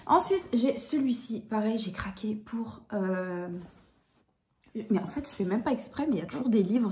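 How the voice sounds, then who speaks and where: A woman's voice: mid-range voice, dark tone, echoey room, slight background noise. A woman in her thirties chatting casually and enthusiastically as she shows a haul on her vlog, with many fillers. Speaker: puzzle vlogger.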